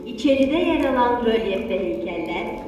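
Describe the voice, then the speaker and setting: Woman, official recorded welcome, measured delivery, cave-echoed loudspeaker with long ringing reverb. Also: lively intonation, a little hiss or hum. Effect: loudspeaker announcement echoing in a salt cave. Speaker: recorded visitor announcement. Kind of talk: formal scripted announcement. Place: underground salt cave. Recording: loudspeaker booming through a cave from far off.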